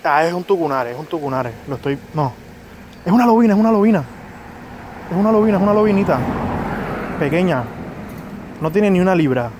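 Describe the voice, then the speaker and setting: A young man films himself fishing by a small pond among trees with a head- or chest-mounted action camera, quietly muttering to himself but erupting in excited bursts when a fish strikes. His voice is high and brisk, with long pauses. Faint background noise runs under the outdoor camera audio.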